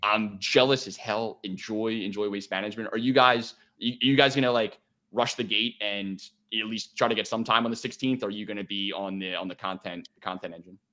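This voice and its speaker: A guest man chats casually in a Delco, Philadelphia-area accent. His voice is fairly low and has a bright, forward edge. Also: steady tone, a little fast. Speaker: guest, streamer. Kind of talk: casual chat.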